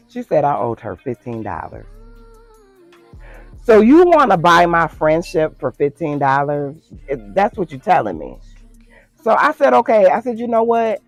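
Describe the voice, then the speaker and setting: A storytime vlogger shares a personal story with her viewers in a casual, chatty style, calling them "girl" and "y'all." Her voice is low-pitched, and there's no room sound.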